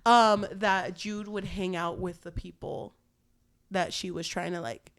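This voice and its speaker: A woman's voice: lowish voice, fairly even intonation, unhurried. A woman chatting casually as a book reviewer, sounding tipsy and rambling, blunt and swearing often.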